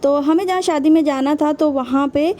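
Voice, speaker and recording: A woman's voice: sits high, normal speed, dark tone, slight background noise. A young woman casually narrating her day for a vlog, chatting to viewers as friends. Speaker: vlogger.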